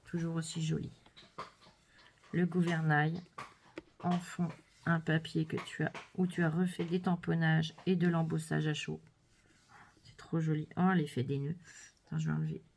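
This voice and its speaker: A woman vlogger chatting casually and gushing softly as she unboxes crafts, sometimes dropping to a whisper. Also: deep voice, measured pace, gravelly, pauses often. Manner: gushing, soft-spoken, drops to whispers. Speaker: scrapbooking vlogger.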